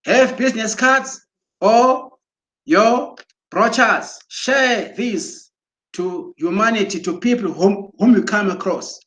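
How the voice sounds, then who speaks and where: A man giving an excited promotional talk, exhorting listeners and often restarting his words as he goes. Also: sits high, slow. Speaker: broadcaster.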